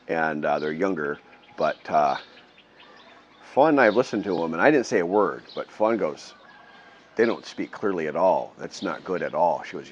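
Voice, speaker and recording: Recorded outside under a metal roof, the bass-voiced older Midwesterner, now vlogging from abroad, rambles casually to the camera, chuckling and correcting himself. The sound is muffled, with a faint hiss or hum.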